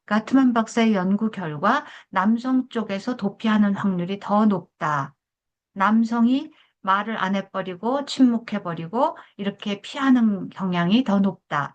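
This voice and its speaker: A woman's voice: medium pitch, dull audio. Older lady teaching family therapy, chatty lecture, tells stories from her marriage. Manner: conversational, asks listeners for agreement. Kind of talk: lecture with personal story.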